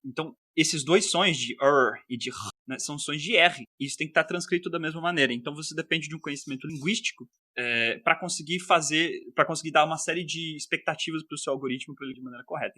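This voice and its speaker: Podcast guest, male, São Paulo interior accent, brisk explanatory delivery, crisp bright voice. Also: fairly high pitch, dry recording, studio quality. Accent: São Paulo interior Portuguese. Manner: explanatory, gives examples, many "né?" tags. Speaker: linguist guest.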